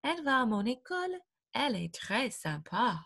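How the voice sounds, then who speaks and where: A woman voicing a friendly fourteen-year-old girl in a storybook, read slowly and clearly. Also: a little high, big pitch swings, pushed and bright, voice pushed up, exaggerated voice. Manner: slow, clear read-aloud delivery.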